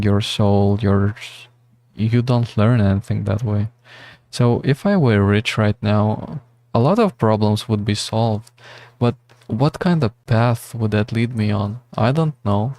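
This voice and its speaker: A man's voice: lowish voice, a little slow, dark tone, dry recording. A man streaming a game who rambles through philosophical thoughts, swearing freely as he muses. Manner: rambling, meandering, swears often. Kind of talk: casual livestream musing.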